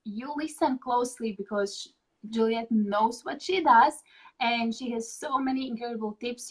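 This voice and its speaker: Woman host, somewhat high voice, warmly effusive, casual interview. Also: rough recording. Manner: enthusiastic, effusive praise.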